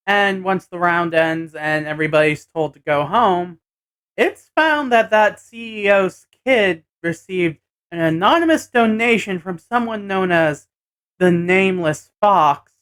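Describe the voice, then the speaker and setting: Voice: mid-range voice, a bit bright, clear, resonant tone. A person giving a casual episode recap vlog, hesitantly thinking aloud as they go. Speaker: anime and tokusatsu episode reviewer.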